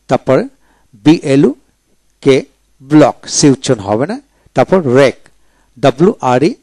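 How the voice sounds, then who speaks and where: A man's voice: a little high, a little mellow, no room sound. A man teaching English pronunciation, spelling each word out letter by letter and repeating it. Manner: slow, drilling each word twice.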